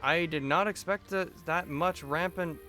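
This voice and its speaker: A man's voice: on the high side, measured pace, bright, forceful tone, faint music behind. A man giving casual gameplay commentary as a streamer, musing to himself with mild exclamations. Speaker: game streamer.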